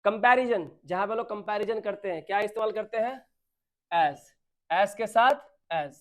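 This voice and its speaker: A man's voice: high-pitched, unhurried. A man teaching a grammar class, asking his students questions and answering them himself, mixing in English words. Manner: mixes Hindi with English terms.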